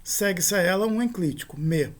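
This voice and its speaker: A man with a high voice lectures on grammar. He explains each rule step by step, repeating the key terms. He slows right down to sound out every example word. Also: lively intonation. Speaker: teacher.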